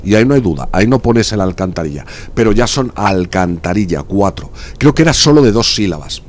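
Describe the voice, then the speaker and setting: A man's voice: fairly low pitch, lively intonation, a little fast, slight background noise. A man with a Spanish accent from Spain, chatting casually while live-streaming a video game, arguing his point and reading out viewer messages. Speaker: gaming streamer.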